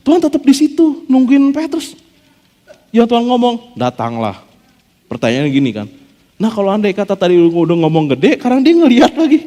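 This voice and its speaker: A man preaching a casual, joking sermon as a pastor, acting out quotes as he goes. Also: high-pitched. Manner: animated, jokey, acts out quotes. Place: church hall. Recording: long hall reverb.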